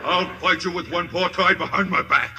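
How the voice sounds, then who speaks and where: An actor playing a cowardly lion who blusters and whimpers, in 1950s radio theatre style. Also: male voice, sits high, normal speed, vocal fry, pushed and bright, exaggerated voice. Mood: blustering. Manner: mock-tough bluster that gives way to whimpering. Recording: vintage 1950 radio broadcast with orchestral music.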